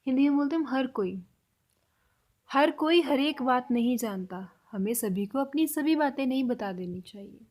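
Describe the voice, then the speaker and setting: A woman gives a spoken language lesson. Her voice sits a little high, and she talks patiently, saying each example phrase slowly and repeating it for learners. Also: animated, darkish tone. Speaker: language teacher.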